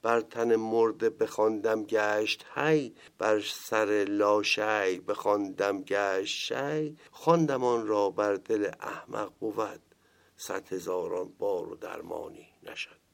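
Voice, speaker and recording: A man teaching classical verse, explaining in plain talk and reciting lines slowly. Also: on the low side, vocal fry.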